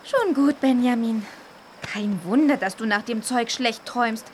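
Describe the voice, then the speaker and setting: A woman's voice: on the high side, measured pace, a little hiss or hum, natural voice. A woman playing a sensible, caring young female friend in a children's audio drama, motherly and no-nonsense. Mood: dismissive.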